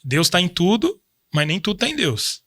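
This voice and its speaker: A man's voice: sits high, very animated, normal speed, a bit bright, no echo, studio quality. A man in his thirties from Brazil, a guest in a casual interview, talking in a reflective, faith-driven way with frequent restarts. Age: 30s. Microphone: studio microphone.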